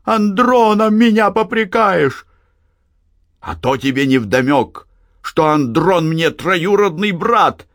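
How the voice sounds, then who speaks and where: Male reader putting on an older peasant mother, high-pitched, lively scolding, dry close sound. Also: takes it slowly, dry recording, full character voice. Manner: scolding, shouting reproaches. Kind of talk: audiobook reading.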